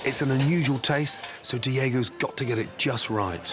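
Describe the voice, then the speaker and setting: A man's voice: medium pitch, moderate pace. A British man reading scripted TV cookery narration in a clipped, emphatic way. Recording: voice-over with music behind.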